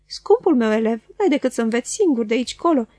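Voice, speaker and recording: A woman's voice: on the high side, animated, warm tone, dry recording, studio quality. Woman doing a sly, gossipy little dwarf lady. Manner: quick, teasing, knowing. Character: sly chattering female dwarf, middle-aged, gossipy.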